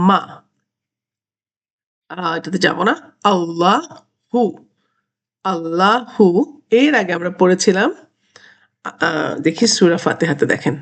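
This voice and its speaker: Slow, deliberate woman teaching grammar. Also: mid-range voice. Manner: slow, deliberate, drawn-out Arabic words, mixing English terms. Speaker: Quranic Arabic grammar teacher. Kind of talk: online grammar lesson, explaining while pointing at a screen.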